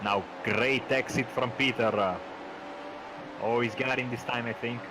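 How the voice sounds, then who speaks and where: A man giving live sim racing commentary as a co-commentator, halting as he thinks aloud. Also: mid-range voice, steady tone. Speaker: motorsport co-commentator. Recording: clear car noise behind. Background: race cars.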